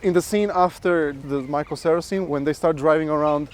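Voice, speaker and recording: Male co-host, slightly high voice, blunt, casual outdoor chat. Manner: blunt, opinionated, quick to joke. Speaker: podcast co-host. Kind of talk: casual chat while walking. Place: outdoors on a stroll.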